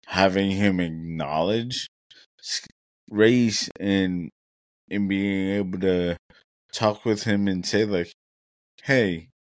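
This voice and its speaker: Deep, slow-talking reflective man. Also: no echo. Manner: reflective, earnest, thinks aloud with many fillers. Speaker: podcast co-host. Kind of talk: casual podcast conversation.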